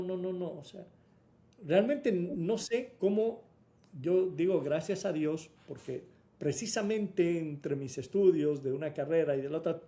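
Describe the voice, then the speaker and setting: A man's voice: high-pitched, warm tone. A man sharing a personal faith testimony in an earnest way, with hesitations and restarts, acting out remembered dialogue.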